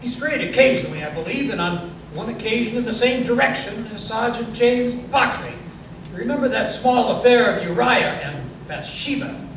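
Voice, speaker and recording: A man's voice: very high-pitched, animated, normal speed, a bit bright, slight background noise, heavily acted. Man acting genial Doctor Watson, echoey distant recording. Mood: genial explaining. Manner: hesitant, avuncular, polite. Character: genial Victorian gentleman doctor, modest, slightly fussy. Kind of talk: old-time radio drama acting. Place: live performance in a museum.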